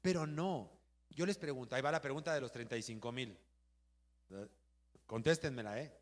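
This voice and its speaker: A man with a Mexican accent, a pastor giving a lively sermon and asking the congregation questions. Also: mid-range voice, moderate pace. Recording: long hall reverb.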